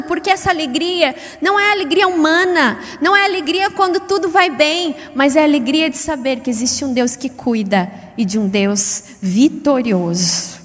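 Preaching a sermon, a middle-aged woman with a high voice is lively and chatty, moving between loud peaks and soft asides with wide swings in pitch and loudness, and she calls herself fast-paced. Long reverb from the church hall trails each phrase.

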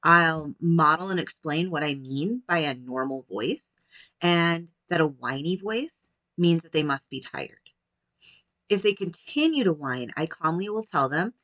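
A woman, likely in her thirties, giving a gentle, measured talk that teaches parents how to calm young children. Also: lowish voice, no room sound.

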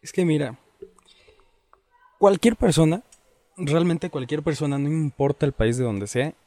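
A man's voice: fairly high pitch, a little slow, dark tone, dry recording. A man in casual chat, arguing his points emphatically and repeating them. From Mexico.

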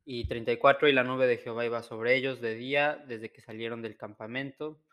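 Man, earnest, Bible reading, crisp voice. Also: mid-range voice, steady tone, brisk, a bit bright. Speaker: co-host and preacher. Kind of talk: casual chat and Bible reading.

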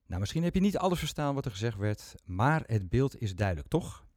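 A podcast host with a medium-pitched, darkish voice talks chattily into a microphone, very animated and brisk. His humor is self-mocking, and the recording is dry.

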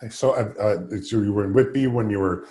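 A man hosts a podcast in a low, mellow voice. He asks a guest friendly, curious questions, and his tone stays dark and soft. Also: fairly quick. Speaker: podcast host. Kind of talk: interview host.

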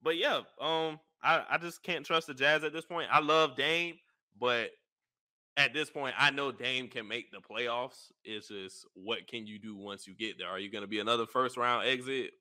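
Male co-host, very bright and piercing tone, blunt and opinionated. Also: mid-range voice, normal speed. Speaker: sports podcast co-host. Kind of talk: casual basketball chat.

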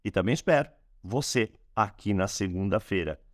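A man hosting a calm instructional talk on a spiritual technique, slowing down when he speaks mantras. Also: on the low side, no echo, clean studio sound. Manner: lively, rising and falling delivery, slowing on mantras. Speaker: host teaching a spiritual technique.

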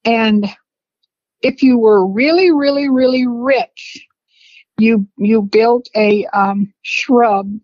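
A woman's voice: fairly high pitch, darkish tone, dry recording. Older woman reminiscing in a dry, dull recording. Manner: unhurried, rambling storyteller who laughs between memories. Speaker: interviewee, family matriarch. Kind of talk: reminiscing conversation. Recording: dry, slightly dull lo-fi sound.

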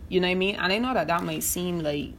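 A lowish, slightly bright female voice comes at a quick pace, with slight background noise. She is a young podcast host with a Barbadian accent giving a casual monologue, talking frankly, swearing freely and often checking "you know what I mean."

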